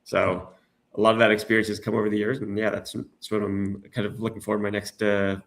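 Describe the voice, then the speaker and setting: Gravelly, low-voiced man, hesitant. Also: little pitch movement, a little fast, a bit bright. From United States. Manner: hesitant, many restarts and fillers. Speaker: guest. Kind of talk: casual interview.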